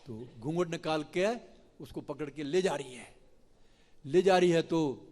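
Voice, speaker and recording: A male preacher telling a devotional story in an animated, dramatic way. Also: fairly high pitch, a little slow, in a large hall. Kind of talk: storytelling sermon. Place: temple hall.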